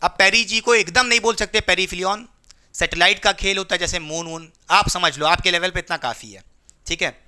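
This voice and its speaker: Bright, high-voiced male physics teacher. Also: fairly quick, clear, resonant tone. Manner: repeats questions to students and answers them, call-and-response; playful, jokes with students. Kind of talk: classroom lecture.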